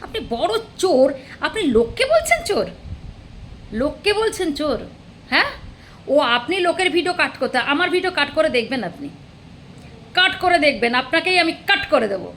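Female vlogger, high and bright, sarcastic and scolding, faint background hiss. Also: very animated, a little fast, long pauses. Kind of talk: angry rant to camera.

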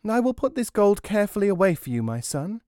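A man voicing a caring, fussy peasant mother in a high voice. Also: sing-song, a little fast, warm tone, no echo, studio quality. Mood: fussing.

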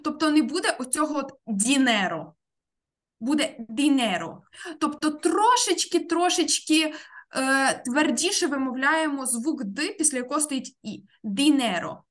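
A woman teaching an online language class, explaining slowly and carefully, word by word, over a computer mic. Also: sits high, expressive, a bit bright. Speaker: Spanish teacher.

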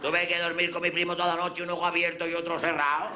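A man's voice: a little high, level tone, quick pace, sharp tone, a faint crowd. A man with a Mallorcan accent performing a crude, rambling comic monologue in character on a café stage. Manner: brash, crude, rambling storyteller. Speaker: comedian in character. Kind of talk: live stand-up character monologue. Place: café stage before a live audience. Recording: live audience laughter throughout.

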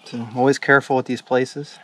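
A man hosting a hiking vlog, narrating calmly and steadily as he explores woods and caves outdoors. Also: medium pitch, brisk. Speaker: hiking vlogger. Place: outdoors in a forest.

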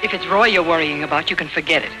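An actor playing a cold, smooth-talking killer in a 1940s western film, mock-polite in his menace. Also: on the high side, very fast, close to an everyday voice, rough recording. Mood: cold, menacing. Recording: old 1940s film soundtrack with loud music.

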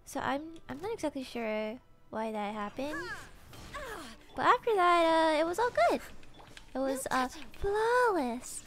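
A woman's voice: high voice, sing-song, a little slow, over music. A woman streamer chatting casually with her viewers, tired and yawning, hesitant with lots of fillers and giggles. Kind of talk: casual chat with live chat.

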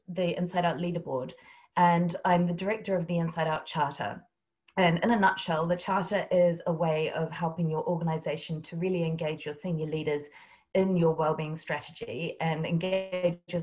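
A woman's voice: low voice, a little mellow. A woman with a New Zealand accent giving a humorous talk over a video call, telling stories about workplace stigma. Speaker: guest speaker. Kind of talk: webinar talk.

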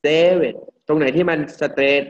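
A male English teacher from Thailand giving a classroom pronunciation lesson, drilling words slowly and repeating each one for the class. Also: a little high, fairly even intonation. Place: classroom with students. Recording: dull lo-fi classroom recording.

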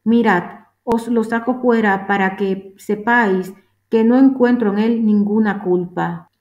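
A woman reading the words of a questioning, uneasy Roman governor in a steady, solemn voice, in a roomy space. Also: medium pitch, a little slow, lo-fi sound, lightly acted. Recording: roomy echo.

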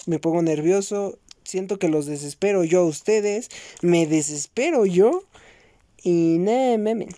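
A young man with a Mexican accent, chatting casually with his viewers while he plays, slangy and swearing, with sudden loud outbursts at the game. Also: high voice, a little slow, no echo. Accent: Mexican Spanish. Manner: slangy and swearing, keeps saying bros. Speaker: gaming YouTuber. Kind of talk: casual gameplay commentary vlog.

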